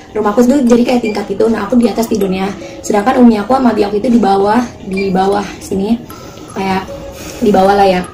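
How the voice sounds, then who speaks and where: A teenage girl vlogger casually telling a story, chatty and animated, quoting other people as she goes. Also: fairly high pitch. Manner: chatty, animated retelling with quoted voices.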